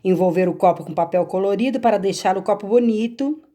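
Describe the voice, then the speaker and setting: Brisk and mellow, this medium-pitched Brazilian teacher with a Brazilian Portuguese accent works patiently through homework corrections, explaining step by step and making sure her pupils are following.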